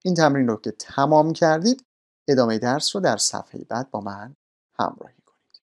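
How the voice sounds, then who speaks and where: A man's voice: mid-range voice, expressive. A man teaching English grammar, explaining patiently and politely, step by step. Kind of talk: explaining grammar lesson in Persian.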